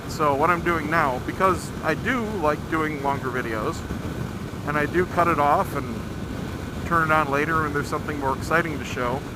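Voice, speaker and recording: A man giving casual, rambling ride-along commentary, thinking aloud and explaining things as he records from inside a motorcycle helmet. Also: a little high. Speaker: motorcycle vlogger. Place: outdoors at night, riding a motorcycle. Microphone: microphone inside a motorcycle helmet. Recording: loud engine and wind road noise. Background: motorcycle engine and road rush.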